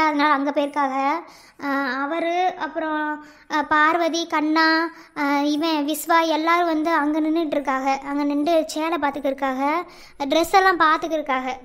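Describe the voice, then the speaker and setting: A woman voicing a gentle young bride-to-be with a Madurai Tamil accent in a cartoon, soft and halting. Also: high-pitched. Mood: explaining. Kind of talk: cartoon voice acting.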